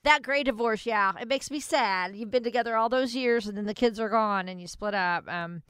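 A woman's voice: a little high, normal speed, fairly bright tone, clean tone, no room sound, clean studio sound. A woman co-hosting a financial radio show, reading out topics and chatting in an upbeat way. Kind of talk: casual radio chat.

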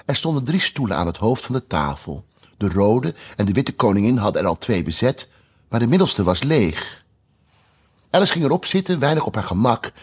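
Husky, lively storybook narrator, man. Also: medium pitch. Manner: lively, expressive. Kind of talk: storybook reading.

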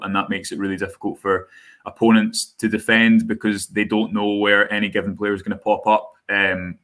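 A man analyzing football casually as a journalist, measured and hesitant with fillers. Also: on the low side, a bit bright.

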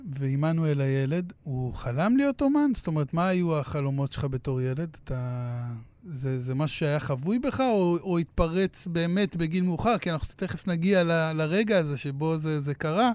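A male interviewer with a fairly high, smooth voice in a dry, close sound. He chats casually, probing and rewording his questions as he goes. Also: lively intonation, few pauses, darkish tone, dry recording. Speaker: interviewer, host.

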